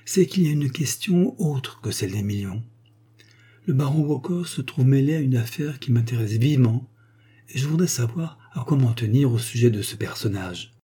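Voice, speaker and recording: A man's voice: mid-range voice, lively intonation, mellow, husky. A man doing a shrewd businesslike lawyer. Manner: measured and businesslike. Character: shrewd male lawyer on a secret errand. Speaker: character in an audiobook.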